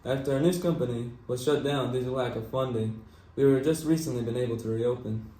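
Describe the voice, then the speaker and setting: A man's voice: mid-range voice, a little fast, dark tone, distant mic, close to an everyday voice. A man playing an earnest 1940s news anchor, reading a scripted newscast in a formal way. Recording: echoey room.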